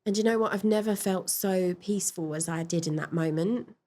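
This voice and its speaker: A woman in a podcast interview, frankly and reflectively telling her personal story, with pauses and fillers. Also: lowish voice, a little mellow. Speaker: podcast guest.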